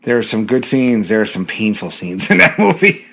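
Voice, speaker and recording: A man's voice: on the low side, sing-song, normal speed, gravelly, fairly bright tone, slightly rough. A middle-aged man co-hosting a casual movie podcast, telling rambling stories with many restarts and frequent laughter. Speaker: podcast co-host.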